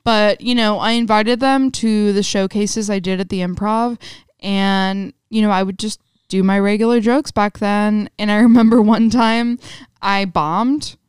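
A woman's voice: medium pitch, fairly even intonation, unhurried, clean tone, no echo, clean studio sound. A young woman stand-up comic telling stories in casual, blunt podcast chat.

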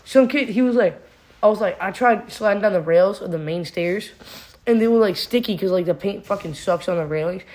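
A man's voice: sits high, fairly quick, darkish tone. A teenage guy on a podcast, trading teasing, boastful banter and telling school stories. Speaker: podcast guest. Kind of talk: casual chat.

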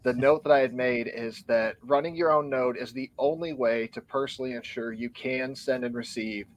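On a podcast, a guest talks through his view in easygoing discussion, sounding earnest and a bit out of breath while reading from show notes. He has a mid-range voice and a steady tone and speaks at a moderate pace.

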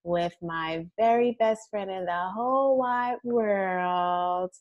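A woman's voice: mid-range voice, slow pace, lo-fi sound. A woman hosting a podcast as a coach, teasing her co-host in a playful, colloquial way. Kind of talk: casual podcast talk.

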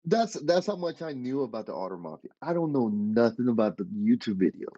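A man's voice: mid-range voice, brisk, dry recording, muffled recording. A man telling a story in casual podcast chat, acting out the dialogue and swearing freely. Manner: animated retelling with quoted dialogue, swearing. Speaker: podcast guest.

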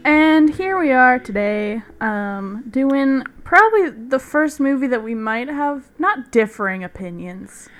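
A woman's voice: high-pitched, expressive, a little slow, few pauses, a bit bright. A young woman co-hosting a film podcast, chatting casually and laughing often. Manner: giggly, chatty. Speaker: podcast co-host. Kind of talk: casual chat.

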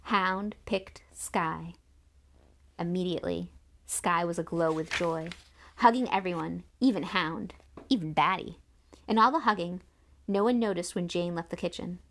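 A woman narrating a children's novel in an audiobook, with expressive storytelling. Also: fairly low pitch, moderate pace.

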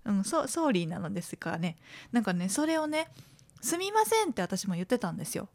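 A woman's voice: quick pace, vocal fry, no echo. A woman around forty from Tokushima, Japan, chatting alone on her podcast in a playful way, acting out quoted lines. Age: late 30s to 40s. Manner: lively, playful, acts out quoted lines in a higher voice. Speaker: podcast host. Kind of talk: solo podcast chat.

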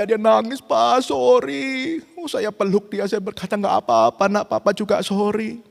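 A middle-aged man preaching a sermon as pastor, swinging between loud urgent rhetorical questions and quiet, intimate reflection. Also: fairly high pitch. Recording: long hall reverb.

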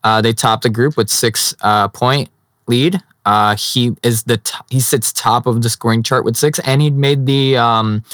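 A young Chicago-area man hosts a casual sports podcast, laughing often and restarting his sentences in a halting way. His medium-pitched voice is steady and fairly bright, recorded at studio quality with no echo.

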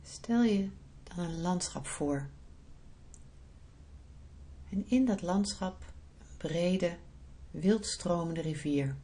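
A woman podcast host guiding a relaxation visualisation in a soft, soothing, unhurried manner. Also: on the low side. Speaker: podcast host, breathing therapist and yoga teacher.

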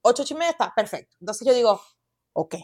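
A woman's voice: a little high, expressive, fast, a little mellow, dry recording, studio quality. A young adult woman with a Venezuelan accent, a podcast guest chatting casually and animatedly, slipping into quoted inner voices. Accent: Venezuelan Spanish.

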